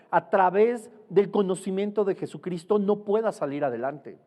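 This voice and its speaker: High-voiced preacher, reverberant. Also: male voice, warm tone. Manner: earnest teaching, rhetorical questions, stresses words slowly. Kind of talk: sermon.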